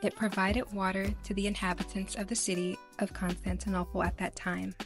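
A woman's voice: mid-range voice, flat delivery, a little fast. Woman, travel vlog narrator, casual chatty read over faint music. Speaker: travel vlogger.

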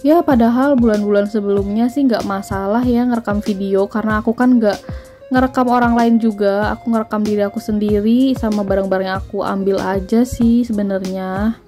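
A woman's voice: mid-range voice, steady tone, brisk, dark tone, soft background music. A woman, chatting through a grocery haul voice-over and listing prices. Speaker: vlogger.

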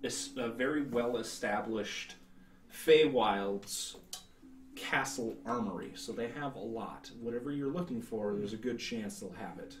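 A man's voice: medium pitch, unhurried, a little hiss or hum. Man game master, roomy distant sound. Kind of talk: narrating a tabletop role-playing game. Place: indoor room, seated at a table.

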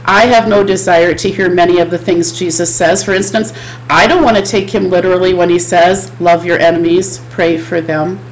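A woman's voice: fairly low pitch, steady tone, normal speed, a little hiss or hum, rough recording. A middle-aged woman giving a chapel sermon from a home office, speaking in an earnest, repetitive preaching cadence into a desk webcam. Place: home office with bookshelves, indoors.

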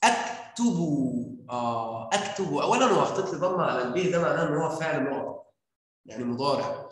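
A man with an Egyptian Arabic accent teaches a grammar lesson, coaxing answers out of his pupils with question after question. His voice sits high for a man. The sound rings with heavy room echo. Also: lively intonation, fast talker, a bit bright. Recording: very echoey room.

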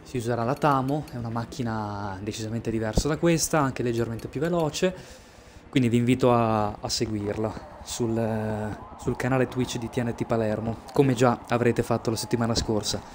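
A man's voice: mid-range voice, normal speed, background noise. A man giving casual live sim racing commentary as a streamer, hesitating and repeating words as he goes. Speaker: esports race commentator and streamer.

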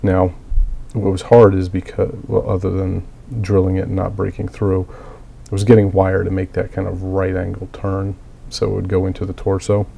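Still recovering from a cold and coughing at times, this man gives a casual tutorial on his miniature hobby build, moving through it plainly, methodically and with lots of fillers. His deep, warm voice stays monotone with vocal fry, keeping a moderate pace and hardly pausing. Slight background noise is audible.

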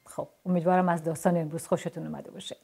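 A woman reading a children's bedtime story in a soft, hushed, gentle way. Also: lowish voice, lively intonation, faint music behind.

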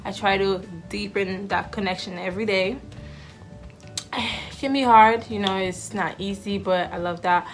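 A woman's voice: mid-range voice, steady tone, a little slow, faint music behind. A woman in her twenties, raised in Haiti, chatting to camera with a giggly, filler-filled manner in a small room. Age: 20s. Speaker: vlogger. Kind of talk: casual introduction to camera. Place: indoors, small room with backdrop. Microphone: camera in front, head and shoulders.

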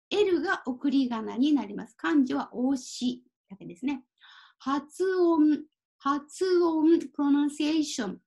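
Female language teacher, high voice, unhurried, careful delivery, slips into simple English to explain. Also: dark tone. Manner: apologizes and laughs at her own typo. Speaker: Japanese teacher. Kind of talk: kanji reading lesson.

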